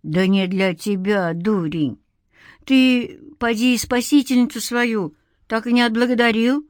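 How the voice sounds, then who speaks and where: A woman voicing a stout, fierce old village woman who scolds loudly and sharply. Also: a little high, a little slow, no echo, studio quality, pitched above the performer's own voice, lightly acted. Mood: chiding.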